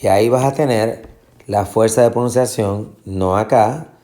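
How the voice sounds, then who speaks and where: A man teaching a Spanish lesson, explaining patiently and repeating words slowly to show where the stress falls, with English fillers mixed in. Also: lowish voice, mellow. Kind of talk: classroom lesson.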